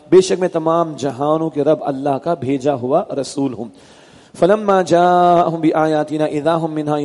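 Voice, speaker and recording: Man teaching Quran commentary, slightly high voice, recites slowly then explains, reverberant hall. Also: warm tone.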